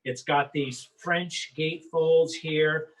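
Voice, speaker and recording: A man's voice: a little high, steady tone, slow pace, low-quality recording. A man talking as a wine book author, enthusiastic and prone to repeating words as he starts sentences. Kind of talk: promotional chat.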